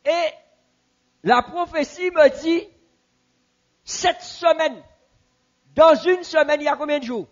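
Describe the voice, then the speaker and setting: A man teaching a Bible class in a church, asking the audience questions and repeating answers slowly. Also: very high voice, highs cut off.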